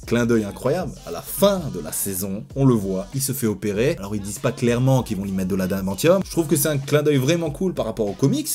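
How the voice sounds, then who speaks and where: A young man reviewing a TV series in a casual video, frank and enthusiastic, swinging between excited outbursts and low asides.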